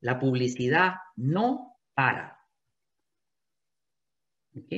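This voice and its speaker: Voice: mid-range voice, very animated, extremely slow, a bit bright, highs cut off. A real estate sales coach giving an emphatic coaching talk to agents, often repeating key phrases.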